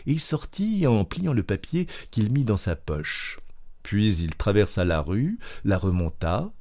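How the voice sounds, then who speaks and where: A man narrating a classic story aloud in a measured, expressive reading. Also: lowish voice. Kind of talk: literary reading.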